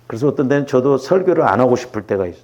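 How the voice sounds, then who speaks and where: Speaking rapid-fire in an expressive, slightly mellow mid-range voice, a middle-aged pastor gives a chatty sermon. He keeps pausing to check in with his congregation rhetorically.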